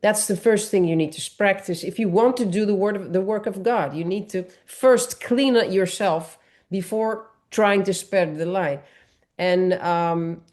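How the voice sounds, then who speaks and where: A woman's voice: mid-range voice, a little mellow. A woman from Morocco, speaking earnestly on a panel discussion and explaining at length with frequent restarts.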